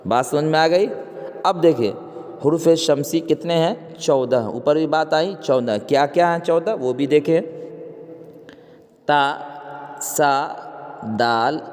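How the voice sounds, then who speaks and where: A man's voice: a little high, a little mellow, long reverb tail. A man teaching an exam-prep grammar lesson. He asks questions, answers them himself and counts the letters aloud.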